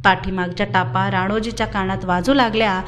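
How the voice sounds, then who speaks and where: Female audiobook narrator, dramatic novel reading, steady and expressive. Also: medium pitch, fairly quick, slight background noise.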